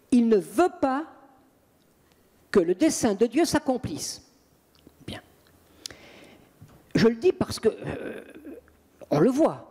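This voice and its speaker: A man, an exorcist priest, telling lively and emphatic anecdotes in an interview. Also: very high-pitched, big-room sound. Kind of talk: interview storytelling.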